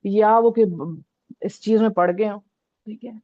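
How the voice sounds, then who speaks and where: A woman's voice: medium pitch, steady tone, measured pace, no echo, phone-quality sound. A woman teaching a religious lesson in a conversational way, often checking in with her listeners. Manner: conversational, repeats "theek hai" often. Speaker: Islamic teacher.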